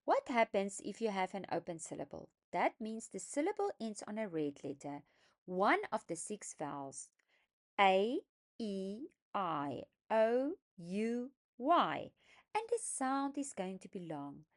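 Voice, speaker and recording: A woman explaining a phonics lesson, speaking deliberately and stressing each sound as she sounds out words for young learners. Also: medium pitch, very animated. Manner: slow, deliberate, emphatic teaching voice, sounding out words. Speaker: phonics teacher trainer. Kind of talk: instructional lesson narration.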